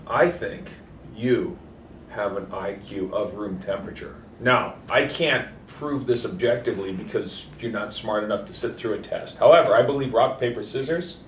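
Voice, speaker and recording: A man's voice: fairly low pitch, moderate pace, fairly bright tone, far from the mic. A man co-hosting a comedy show, improvising banter in a wordy, mock-serious way. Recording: echoey room, off mic, faint noise.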